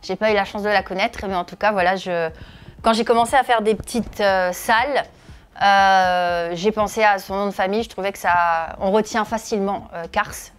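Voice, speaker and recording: This woman, a comedian and video creator from northeastern France in her thirties, responds to interview questions hesitantly with lots of filler sounds. She speaks at a moderate pace in a clean, mid-range voice with fairly even intonation.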